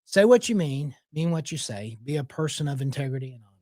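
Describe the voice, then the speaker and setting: A man, a mayoral candidate answering interview questions in a calm, measured way. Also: fairly high pitch, dry recording, studio quality.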